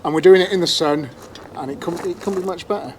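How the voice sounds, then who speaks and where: A man's voice: sits high, quick pace, darkish tone, slight background noise, poor audio. A man hosting a podcast in casual chat, rambling and hesitant with many fillers, recorded outdoors at his workshop on a clip-on mic. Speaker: podcast host.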